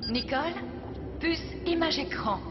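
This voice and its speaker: A woman's voice: high-pitched, a little slow, very noisy. A woman playing a smart, decisive young team leader in a cartoon dub, giving commands and explanations. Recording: muffled soundtrack with loud music.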